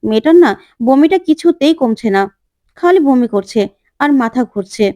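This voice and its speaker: A woman's voice: sits high, animated, normal speed, dark tone, dry recording. A woman voicing a meddling young woman who insinuates with sly remarks.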